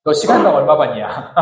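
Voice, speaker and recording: A male pastor preaching a sermon in a conversational way, often turning to the congregation with questions. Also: a little high. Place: church hall. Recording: echoey hall, amateur recording.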